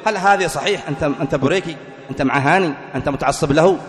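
A man delivers a religious lecture at a brisk clip and in a fairly high voice. He keeps asking rhetorical questions and answering them himself. The recording has a long hall reverb. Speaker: preacher.

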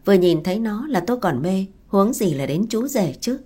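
A woman voicing a brisk, persuasive middle-aged woman arranging a paid marriage. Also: medium pitch, sing-song, warm tone, breathy edge.

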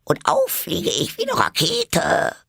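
A tiny, squeaky male lizard, squealing high above a normal voice and babbling in breathless excitement. The voice is dry and close. Its storybook nervousness never settles. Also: slow pace, creaky, breathy edge, no echo, full character voice. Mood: flustered.

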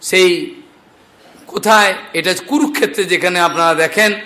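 A man telling scripture stories as a devotional preacher, animated and acting out the characters' speech. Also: high voice, normal speed. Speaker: Bhagavata storyteller preacher.

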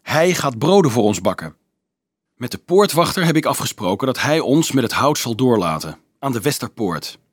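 A man's voice: medium pitch, sing-song, normal speed, breathy edge, no echo, clean studio sound. A man reading an audiobook voices an earnest fifteen-year-old boy who speaks in an urgent, polite way.

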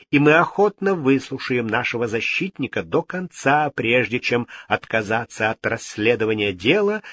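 A man's voice: medium pitch, fairly bright tone, no echo, clean studio sound. A man playing a cold, haughty king. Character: vain, cold, easily frightened male king.

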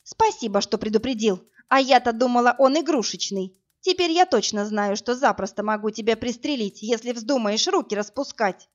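A woman's voice: fairly high pitch, animated, normal speed, few pauses, close to an everyday voice. A snappy, sarcastic young woman, voiced by the reader. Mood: defiant. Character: sharp-tongued young woman, defiant and snappy. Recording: dull lo-fi audiobook, faint music.

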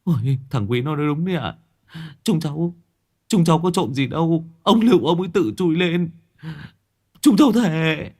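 A man's voice: animated, normal speed, long pauses, darkish tone. A man voicing a frightened young village thief who stammers and whines as he begs for mercy. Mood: pleading. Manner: high, whiny, stammering pleas. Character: whimpering young village thief, male, pleading.

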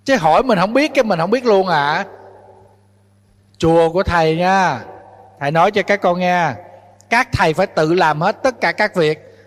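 A man's voice: high voice, moderate pace, pauses often, in a large hall. A male Buddhist monk giving a dharma talk to young followers, scolding and urging them on with rhetorical questions.

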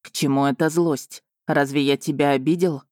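A restrained dragon-born duke who speaks softly and coaxingly, never raising his tone, as a woman narrator voices him. His voice sits low and close, with a dry, unechoing sound. He stays measured and controlled. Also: fairly even intonation, dry recording, lightly acted. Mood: calm. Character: man, calm commanding dragon-born duke.

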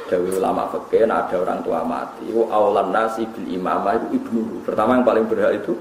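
A man's voice: lowish voice, darkish tone, echoey room, a little hiss or hum, low-quality recording. A man with a Javanese accent giving a humorous religious lecture, mixing joking asides with recited Arabic. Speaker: preacher.

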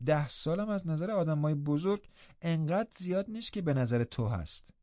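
A man voicing a kindly, patient middle-aged housekeeper woman who speaks gently and reassuringly. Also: fairly high pitch, animated, no room sound, muffled recording, voice pushed up, natural voice. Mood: soothing, firm.

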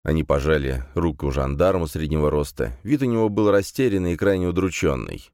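A man narrating an audiobook in a steady, measured reading. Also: very deep voice, no echo, studio quality. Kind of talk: scripted narration.

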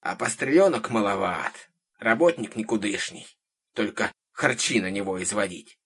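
A man voicing a gruff, bossy old witch woman who talks hoarsely and grumbles, in a storybook reading. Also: fairly low pitch, moderate pace, a bit bright. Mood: muttering. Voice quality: hoarse, cawing like a crow. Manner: domineering, grumbling.

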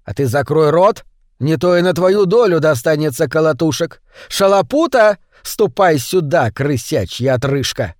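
A man's voice: fairly high pitch, animated, unhurried, dry recording, clean studio sound. A man playing a cruel, short bullying master who barks and sneers at his servant. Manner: barking, sneering and mocking.

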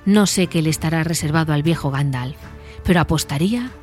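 A woman's voice: sits low, brisk, a little mellow, faint music behind, natural voice. A woman voicing Sam, a humble and plain-spoken male hobbit with a stout heart. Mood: homely.

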